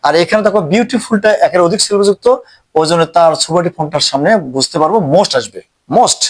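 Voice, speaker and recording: Slow, repetitive male grammar teacher. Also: high-pitched, animated. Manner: slow, repeats each word while writing it out. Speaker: English teacher. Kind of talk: grammar lesson.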